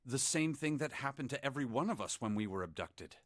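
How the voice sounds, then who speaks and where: A man voicing a composed, polite blind gentleman in a video game, speaking in a formal, precise way. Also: medium pitch, animated, fast talker, dry recording, clean studio sound, natural voice. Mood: calm.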